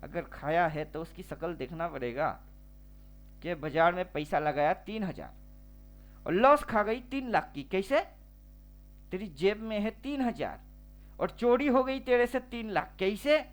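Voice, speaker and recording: A man walks through a trading chart in an unhurried voice-over. He talks in slang, teases, and keeps tossing out rhetorical questions. Faint music plays underneath. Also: high-pitched, lively intonation. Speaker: trading teacher.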